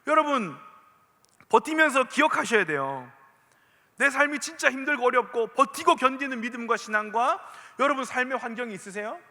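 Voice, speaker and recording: Male pastor with a Gyeongsang accent, animated preaching, voice swinging widely in pitch, long church-hall reverb. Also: moderate pace. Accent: Gyeongsang dialect. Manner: animated, asks the listeners many questions. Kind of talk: sermon to a youth congregation.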